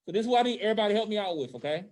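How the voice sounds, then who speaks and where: A man's voice: sits high, lively intonation, rapid-fire, a little mellow. A man teaches a class through a face mask, slightly muffled, speaking informally and often checking that everyone follows. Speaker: high school social studies teacher. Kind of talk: classroom teaching to in-person and online students.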